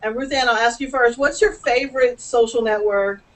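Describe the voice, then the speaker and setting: A woman's voice: a little high, moderate pace, recorded from a distance, poor audio. A woman hosting a casual video call chat, chatty and laughing often, with many restarts. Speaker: host.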